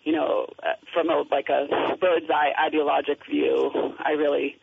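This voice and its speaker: Gravelly, hoarse woman on a phone line. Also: sits low, flat delivery, a little slow, noisy background. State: has a cold. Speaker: interview guest, local parent. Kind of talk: phone interview. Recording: muffled, narrow telephone line.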